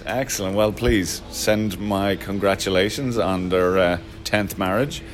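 A man with a very low voice talks about his pub in a loose, halting way. He fills pauses with ums and slips in jokes. Faint music plays in the background. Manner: hesitant, many fillers, jokey. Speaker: Irish pub owner. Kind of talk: casual interview.

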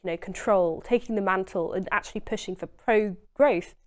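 A woman in her 20s from Essex, England, speaks at a medium pitch and normal speed. She's a guest in a conversational interview, talking earnestly and emphatically and often saying "you know".

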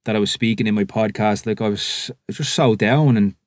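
Man hosting a podcast, low and dry. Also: a little fast, no echo. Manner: relaxed storytelling, swears freely. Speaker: podcast host. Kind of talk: casual conversation.

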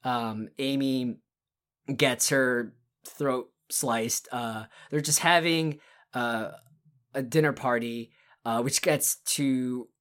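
A woman with a notably low voice co-hosts a casual podcast. She talks in long, rambling runs, stopping and restarting her sentences and leaning on fillers as she retells scenes with enthusiasm. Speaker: podcast co-host. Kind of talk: casual podcast chat about horror films.

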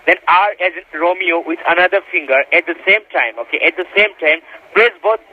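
Over a tinny phone line with background noise, a man with a fairly high voice speaks a little fast as a tech support caller. He addresses the listener as sir, giving repetitive, insistent step-by-step instructions.

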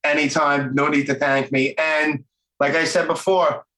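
The recording is roomy and echoing, with a podcast host of middling pitch speaking in a Brooklyn accent. The talk is casual and unscripted, with phrases often doubled up in an informal way. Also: little pitch movement, a little slow, fairly bright tone. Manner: informal, repeats words and phrases. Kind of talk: casual, off-the-cuff interview chat.

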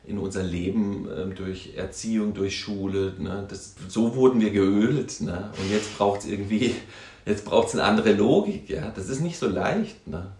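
Thoughtful low-voiced man, roomy sound. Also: darkish tone, a little hiss or hum. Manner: thoughtful, halting, many tag questions. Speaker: counselor and music therapist. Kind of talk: reflective conversational talk.

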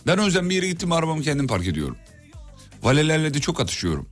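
Lively-voiced man bantering on radio. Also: very fast, faint music behind. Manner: storytelling, teasing, lively swings in pitch. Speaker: radio show co-host. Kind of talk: casual comedic banter.

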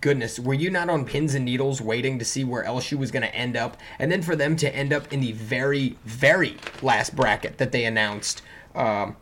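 A man's voice: medium pitch, moderate pace, a bit bright, slight background noise. A man co-hosting a sports podcast, talking in a loose, chatty way with fillers and restarts. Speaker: podcast co-host. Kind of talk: casual sports podcast chat.

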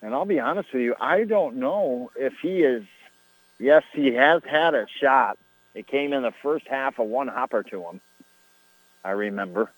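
A man calling a high school soccer match on AM radio in a folksy, conversational way. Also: lively intonation, moderate pace, no room sound, low-quality recording. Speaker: play-by-play sports commentator.

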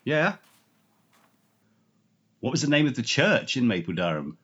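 A man's voice: medium pitch, big pitch swings, measured pace, fairly bright tone, husky, dull audio, full character voice. A man playing a drunk, bumbling older male university lecturer in an improvised comedy sketch, rambling and evasive. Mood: bumbling, boozy.

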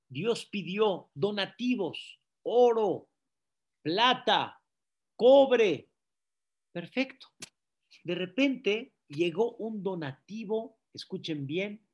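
A rabbi preaching, telling stories and quizzing the audience with questions. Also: male voice, sits high. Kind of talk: sermon.

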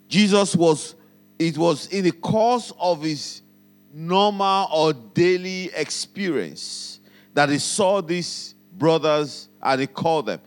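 High-voiced Nigerian pastor preaching. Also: male voice. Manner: preaching with call-and-response prompts to the congregation; repeats phrases for emphasis. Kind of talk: sermon.

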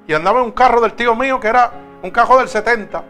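A man preaching a sermon, emphatic and swinging between loud and soft. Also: extremely high pitch, fast, soft background music.

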